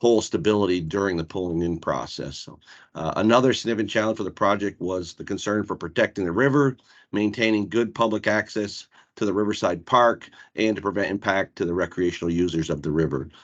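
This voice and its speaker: A man's voice: sits low, brisk, dull audio. A man presenting a construction project in a work meeting over a video call, talking casually with frequent fillers. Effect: heard over a video call.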